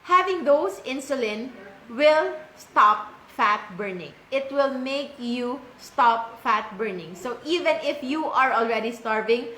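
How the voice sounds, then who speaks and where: A woman's voice: a little high, animated, slow, bright, forceful tone, a little hiss or hum. A Filipino woman physician giving a live health lecture from home, explaining step by step and repeating key terms for emphasis. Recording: echoey room.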